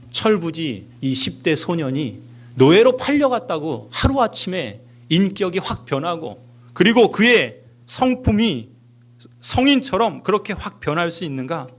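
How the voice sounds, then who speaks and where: A middle-aged male pastor delivers a sermon in a church sanctuary, his voice sitting fairly high and leaping up and down in pitch. He lands key words with force, then sinks into hushed, almost whispered lines. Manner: emphatic, swinging between raised stresses and hushed near-whispers.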